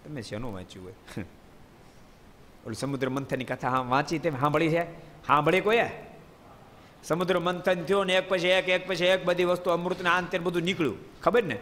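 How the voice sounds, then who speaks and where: Casting: male preacher, fairly high voice, lively storytelling, hall reverb. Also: a little fast, pauses often, a little hiss or hum. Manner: lively, questions the audience, playful asides. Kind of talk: devotional storytelling sermon.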